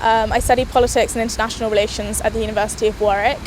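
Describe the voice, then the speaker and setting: A woman's voice: fairly high pitch, flat delivery, rapid-fire, background noise. A young female student from Sri Lanka, speaking articulately in an interview. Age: young adult. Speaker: university student. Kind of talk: casual interview.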